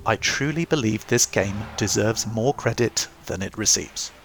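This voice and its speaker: A young man talks through a scripted review of an old strategy game. His delivery is dry and self-mocking, with jokes dropped in flatly. Faint ambient noise sits behind his voice. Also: lowish voice. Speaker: gaming YouTuber.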